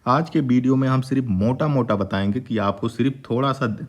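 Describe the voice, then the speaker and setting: A man's voice: medium pitch, highs cut off. A man teaching a grammar lesson for exam prep, explaining in a repetitive way, drawing out vowel sounds and mixing in English terms. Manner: explanatory, repeats points, drawn-out vowel demonstrations; mixes English terms into Hindi.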